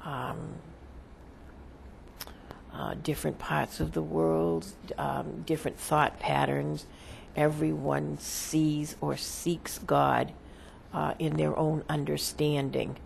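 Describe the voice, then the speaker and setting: Creaky, slow seance medium channeling spirits. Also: mid-range voice, level tone, slight background noise. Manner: halting, deliberate, formal phrasing with long pauses.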